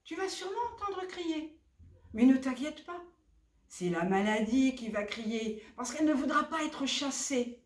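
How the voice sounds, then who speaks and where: A woman voicing a sly crow who pretends to be a healer, smooth and coaxing, in a roomy, distant recording. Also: high voice, lively intonation, a little slow, pitched above the performer's own voice. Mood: reassuring.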